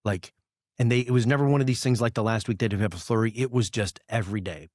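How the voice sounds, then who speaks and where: A man's voice: mid-range voice, quick pace, darkish tone, no room sound, clean studio sound. A man hosting a podcast in casual talk, blunt and emphatic, with frequent swearing. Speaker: podcast host, business owner. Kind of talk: casual conversation.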